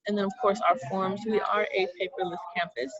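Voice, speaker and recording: A woman's voice: medium pitch, fairly even intonation, fairly quick, lo-fi sound, a crowd in the background. A young woman, a student orientation leader, walks through campus web links in a chatty, upbeat way with lots of fillers, over a video call while hiccuping. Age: young adult. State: has the hiccups. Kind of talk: casual screen-share walkthrough.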